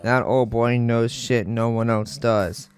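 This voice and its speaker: A man's voice: medium pitch, steady tone, slow pace, close to an everyday voice. A man reading as a blunt, folksy older man. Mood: gruff. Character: gruff, chatty older man who speaks bluntly. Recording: faint game music behind.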